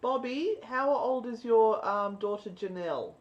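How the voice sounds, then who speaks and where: A woman's voice: on the high side, unhurried, muffled recording. A woman co-hosting a live paranormal stream, chatting casually and explaining things to viewers. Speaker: co-host of a live spirit box stream.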